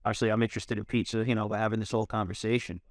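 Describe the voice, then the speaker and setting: A man's voice: lowish voice, flat delivery, very fast, dry recording, clean studio sound. A man from New York City hosting a casual interview, chatty and filling his talk with "you know". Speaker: interview host.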